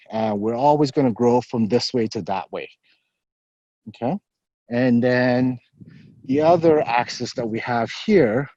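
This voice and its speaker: A university staff member leads a live virtual campus tour, explaining things and fielding questions while slightly winded from walking, with lots of "um" and "so." His voice is medium-pitched and warm. The audio is dull, with no echo.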